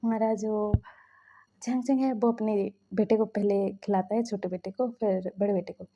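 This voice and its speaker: A woman's voice: mid-range voice, fairly even intonation, moderate pace, warm tone, highs cut off. A woman casually retelling a fan-fiction story in chatty, loose narration.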